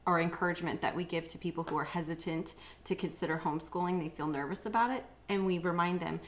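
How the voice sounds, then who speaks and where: Woman cohost, lowish voice, lots of yeah and right, casual podcast talk. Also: fairly even intonation, fast, slight background noise. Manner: agreeable, frequent short affirmations, explains practical details. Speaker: podcast co-host.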